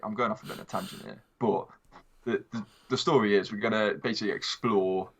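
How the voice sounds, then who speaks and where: Low-voiced man, rambling film chat. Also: fairly even intonation, a little fast, a bit bright. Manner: chatty, informal, digressive. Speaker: co-host of a film review show. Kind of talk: casual film discussion. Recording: slightly dull, lo-fi sound.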